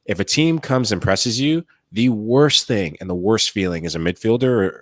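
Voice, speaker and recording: A man with a lowish voice co-hosts a soccer podcast, recorded with clean studio sound and no room sound. He's animated, talking through tactics in long flowing runs and acting out what players and coaches might say, in a casual analytical chat.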